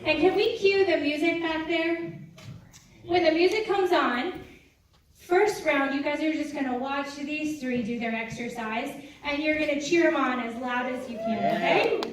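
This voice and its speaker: Peppy woman running a health seminar workout, highish voice, super echoey room, music and crowd going. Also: moderate pace. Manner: energetic, cheering and counting down. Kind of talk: live seminar talk and workout cheering. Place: large room with audience. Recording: echoey hall, far-off mic, music and crowd.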